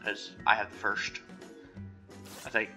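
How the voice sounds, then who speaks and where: A man hosting a gaming video, talking in a relaxed way with plenty of fillers. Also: fairly low pitch, a little slow. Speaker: host of a gaming channel. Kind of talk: casual gameplay chat. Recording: dull lo-fi sound, faint music.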